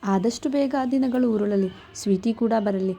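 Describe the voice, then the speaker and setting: A woman voicing an affectionate middle-aged mother who speaks gently. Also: mid-range voice, moderate pace, vocal fry.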